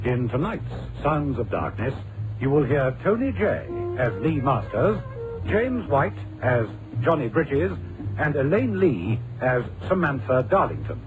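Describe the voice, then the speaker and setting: A man's voice: mid-range voice, big pitch swings, low-quality recording. Dramatic male radio announcer over music. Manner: measured, dramatic delivery. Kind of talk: formal 1960s-70s radio announcing.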